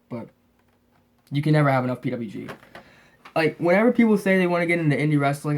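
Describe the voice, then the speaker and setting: A man hosts a casual show-and-tell in a loose, rambling way. His braces give him a noticeable lisp, and he sounds a bit sniffly from being under the weather. His pitch sits in the middle for a man. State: slightly sick, sniffly. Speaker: host of a wrestling DVD collection update.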